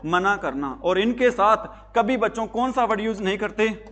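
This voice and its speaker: A man's voice: sits high, moderate pace, fairly bright tone. A male teacher giving a classroom lecture, asking questions and answering them himself. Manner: asks questions and answers them himself, repeats key words.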